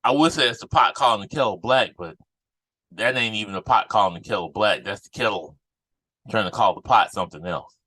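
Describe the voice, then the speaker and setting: Here is a man hosting a political commentary podcast in a low, forceful voice. He speaks off the cuff with indignant emphasis and circles back over phrases to drive them home. The sound is dry, with very little room. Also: a little fast, no room sound. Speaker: podcast host.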